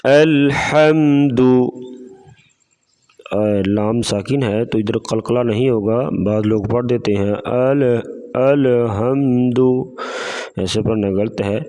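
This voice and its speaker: A man with a Pakistani Urdu accent giving a tajweed lesson, drawing recited words out slowly and then explaining in brisk plain speech. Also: fairly low pitch, flat delivery, mellow. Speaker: Quran recitation teacher.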